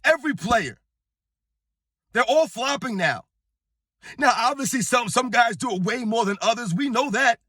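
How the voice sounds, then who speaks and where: A hoarse, worn-out middle-aged man, a sports channel host vacationing at a beach, rants casually to his viewers about sports. His high, tense, bright voice has lively intonation at normal speed and pauses often, and he presses his point emphatically and repetitively, calling them "guys." The audio is close and dry, with no surrounding room sound.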